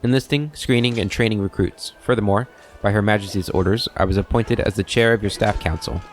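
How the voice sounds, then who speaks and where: A man reading the lines of a disciplined veteran soldier who speaks in a formal, measured way. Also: lowish voice, soft background music, close to an everyday voice. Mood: earnest.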